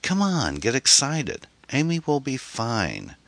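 A man voicing a gentle, supportive middle-aged woman who coaxes and reassures her anxious friend. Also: a bass voice, big pitch swings, normal speed, dry recording, full character voice. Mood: coaxing. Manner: coaxing, reassuring.

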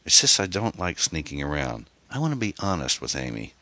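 A man's voice: very deep voice, very animated, a little fast, sharp tone, dry recording, heavily acted. A man voicing a worried, hesitant middle-aged single mother. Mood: anxious.

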